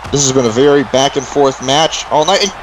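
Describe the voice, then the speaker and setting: A man's voice: medium pitch, brisk, a little hiss or hum, low-quality recording. A man doing live play-by-play as a wrestling commentator, exclaiming at moves and counting near falls.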